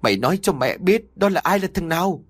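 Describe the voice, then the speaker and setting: Frantic mother, as a male narrator puts her on, shrill high voice, wailing, scolding, husky edge. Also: sing-song, fast talker. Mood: furious. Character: panicked middle-aged mother, shrill and frantic.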